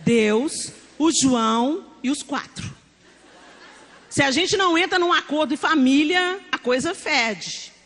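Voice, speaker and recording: Lively high-voiced Brazilian woman preaching. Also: slow pace. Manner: animated storytelling, acting out family dialogue. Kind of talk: sermon. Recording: long hall reverb, faint background noise.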